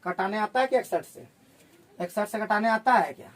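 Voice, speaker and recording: Man, maths tutor, classroom lesson, rapid questions to students, calculating aloud. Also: high-pitched.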